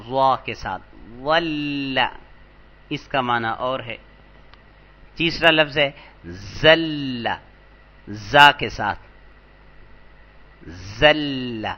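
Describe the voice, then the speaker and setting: A man teaching an Arabic grammar lesson, patient and slow, repeating each word for emphasis. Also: mid-range voice, lo-fi sound. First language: Urdu. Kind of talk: lecture explaining vocabulary.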